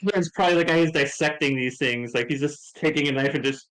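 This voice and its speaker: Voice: medium pitch, a little fast, fairly bright tone, poor audio. Curious, joking game player. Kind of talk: casual tabletop game chat.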